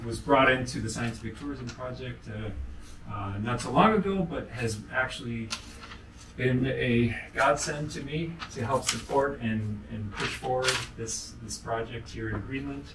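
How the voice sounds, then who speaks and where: A man's voice: medium pitch, a little slow, gravelly, background noise. Courteous man hosting, distant echoey room. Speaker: museum heritage manager, host. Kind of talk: event introduction. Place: small meeting room. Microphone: far camera.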